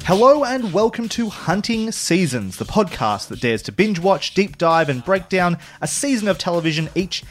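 A man hosting a podcast, chatting casually and reviewing a TV season with quick, joking asides. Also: high voice, big pitch swings, soft background music. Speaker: podcast host.

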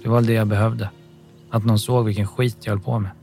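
A man reading an audiobook, voicing a rough, coarse-talking young man. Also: on the low side, level tone, mellow, soft background music. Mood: gruff. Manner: gruff, coarse.

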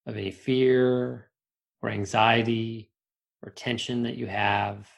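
Man, meditation guide, gravelly low rasp, slow soothing instructions, long pauses. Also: flat delivery.

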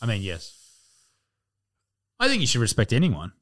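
A man's voice: mid-range voice, wildly swooping pitch, moderate pace, a bit bright. A male podcast host with a broad Australian accent, chatting casually in an irreverent, sweary, blokey way. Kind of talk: casual comedic podcast banter.

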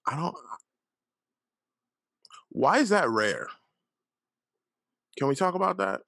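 A man in his late thirties hosts a solo podcast, delivering a casual monologue full of candid stories, fillers, and swearing. His voice sits a little high and sounds sing-song and sharp, with vocal fry and a slow pace. The studio-quality recording has no room sound.

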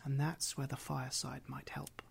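Soft, close-up man narrating over crackling noise. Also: mid-range voice, level tone, normal speed. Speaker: bedtime story podcast host. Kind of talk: soothing bedtime narration. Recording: clear noise behind, crackling clicks.

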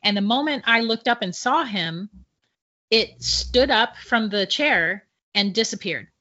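Bright-voiced chatty middle-aged woman. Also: on the high side, animated, unhurried. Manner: chatty, laughs through her stories. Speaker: guest psychic medium. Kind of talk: casual storytelling. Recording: dull lo-fi sound.

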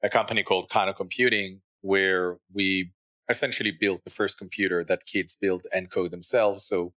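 Low-voiced man from Israel, thoughtful founder guest, dry sound. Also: steady tone, normal speed, sharp tone, no echo. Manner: thoughtful, with frequent restarts. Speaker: podcast guest, startup founder. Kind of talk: interview conversation.

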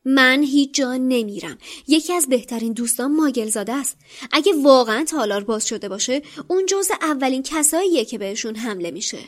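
A woman's voice: high voice, animated, breathy edge, voice pushed up. A woman voicing an earnest, stubborn boy wizard who questions urgently, close to her own voice. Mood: insistent. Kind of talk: audiobook character voice.

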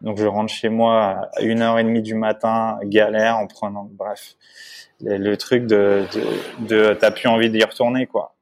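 A man's voice: lowish voice, level tone, unhurried. A man speaking as an interview guest, telling a personal story casually, with many restarts, fillers and asides to the listener. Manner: rambling, many restarts and fillers, frequent "tu vois"; emotional, candid recounting.

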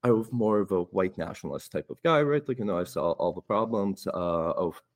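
A man's voice: sits low, lively intonation, brisk. A man from Poland, a first-time interview guest, talking casually and often ending points with "right?". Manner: tags statements with "right?".

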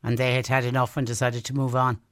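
A man's voice: medium pitch, monotone, quick pace, fairly bright tone, no echo, studio quality. A man with a southern Irish accent touched by Cork, hosting a conversational radio interview. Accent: southern Irish, with some Cork. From Clonmel, County Tipperary, Ireland.

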